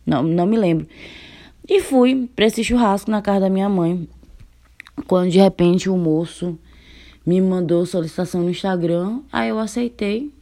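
A woman's voice: medium pitch, moderate pace. A young woman from Brazil telling a funny personal story in a casual vlog, laughing often and acting out the dialogue. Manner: animated, laughing, acts out the dialogue.

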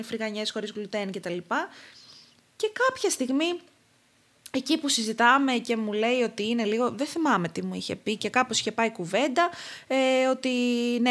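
A young adult woman, a clinical dietitian, talking as a podcast guest and telling stories about clients in an animated, exasperated way. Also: a little high. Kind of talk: casual podcast conversation.

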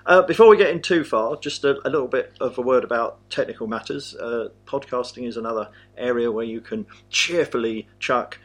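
A man's voice: mid-range voice, fairly quick, hardly any pauses, husky. An English man hosting a podcast, talking in a dry, self-deprecating way. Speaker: podcast host.

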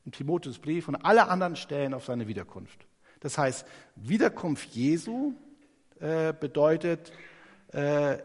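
A man giving a conversational Bible teaching sermon, lively and animated, often ending his points with a quick tag question. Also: a little high. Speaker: preacher. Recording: long hall reverb.

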